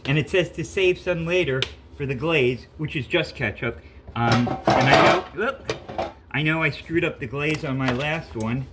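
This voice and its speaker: A man in his fifties with a stuffy cold films a casual cooking vlog in his home kitchen, chatty and rambling, often correcting himself. His voice is on the high side and unhurried, with loud music playing behind it.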